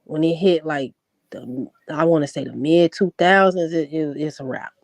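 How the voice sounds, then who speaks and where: A woman's voice: deep voice, normal speed, dry recording. Chatty woman, Chicago accent with Southern hints. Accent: Chicago with a Southern tinge. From born in Florida, raised in Chicago. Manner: chatty, laughs a lot, repeats words when starting. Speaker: guest. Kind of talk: casual chat.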